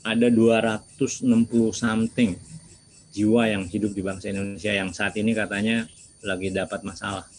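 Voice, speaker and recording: A man's voice: fairly low pitch, little pitch movement, normal speed, slight background noise, low-quality recording. A man giving a lecture to students, asking rhetorical questions and answering them himself. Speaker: seminar speaker.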